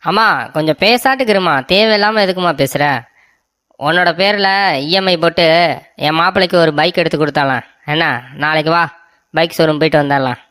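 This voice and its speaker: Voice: medium pitch, fairly quick, a bit bright, clean tone, dry recording, clean studio sound, lightly acted. A voice actor playing a doting young husband in a cartoon comedy, coaxing and sweet-talking his wife.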